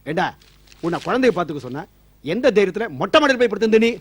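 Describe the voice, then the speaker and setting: A man's voice: sits high, animated, fast talker, husky. An actor playing a bossy older male relative who scolds the young father in a stage comedy. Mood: scolding. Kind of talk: Tamil stage comedy acting.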